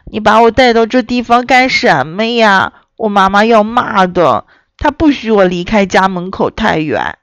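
A woman's voice: mid-range voice, lively intonation, measured pace, dry recording. A woman voicing a naive, polite little piglet boy in a children's story, chatting innocently.

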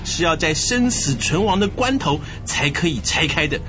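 A man narrating a comic historical tale in crosstalk style, animated and playful. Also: on the high side, normal speed, lo-fi sound, noisy background. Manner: animated, playful, laughing between lines. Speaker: comic storyteller.

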